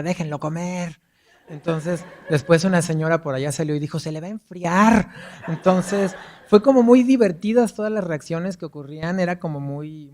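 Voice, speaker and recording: Mellow-voiced Mexican man telling anecdotes. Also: on the high side. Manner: chatty, anecdotal, frequent tag questions. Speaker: guest lecturer, performance artist. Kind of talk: lecture with storytelling anecdotes.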